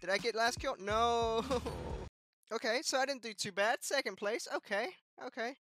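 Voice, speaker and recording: A young man giving excitable live commentary on his gameplay, yelping and trash-talking. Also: very high-pitched, normal speed. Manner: excitable, yelps and trash talk. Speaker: gaming youtuber. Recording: loud game music behind.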